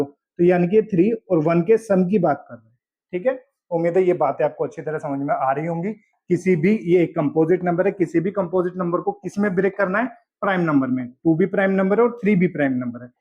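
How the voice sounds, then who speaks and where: High-voiced man teaching math step by step. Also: a little mellow, breathy edge. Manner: explains step by step, checks in with "ठीक है". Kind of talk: board-exam math lesson. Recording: dull lo-fi audio.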